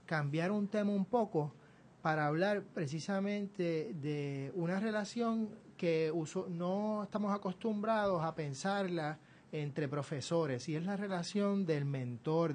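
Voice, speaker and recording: A man's voice: on the high side, a little mellow, slight background noise. Male radio host, Puerto Rican Caribbean Spanish accent. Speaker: radio show host interviewer. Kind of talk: conversational radio interview.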